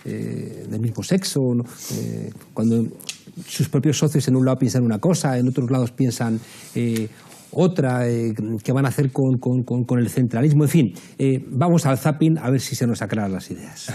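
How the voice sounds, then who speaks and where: Man, host, husky, dark, reflective, hesitant moderation. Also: medium pitch, normal speed. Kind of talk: moderating a political debate.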